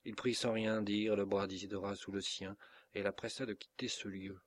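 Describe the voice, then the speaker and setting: A man with a French accent reading a classic novel aloud as an audiobook narrator, steady and measured. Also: fairly low pitch.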